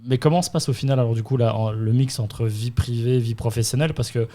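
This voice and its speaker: A man's voice: medium pitch, steady tone, fast talker, warm tone. A man hosting a podcast, asking casual questions with lots of fillers and restarts. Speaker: podcast host.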